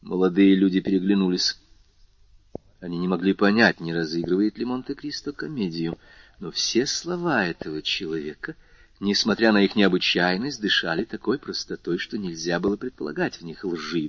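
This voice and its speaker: A man reading a classic novel aloud as an audiobook narrator, with expressive, varied intonation. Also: sits low, normal speed, husky, dry recording. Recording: slightly muffled lo-fi recording.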